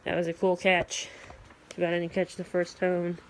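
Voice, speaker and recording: In a nighttime room at home, a woman who vlogs about weather radio as an amateur gives rambling, matter-of-fact commentary to her phone, partly muttering to herself. She speaks on the low side, monotone, at normal speed. Audio is poor, handheld, with faint background noise.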